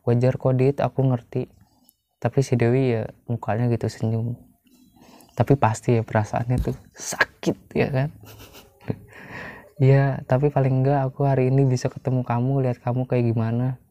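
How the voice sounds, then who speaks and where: A man reading a gentle young ex-girlfriend's lines from a story game, in a plain, slightly raised voice. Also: mid-range voice, level tone, moderate pace, long pauses, dry recording, natural voice. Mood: understanding. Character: young woman, gentle ex-girlfriend, soft-spoken. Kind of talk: reading game dialogue aloud.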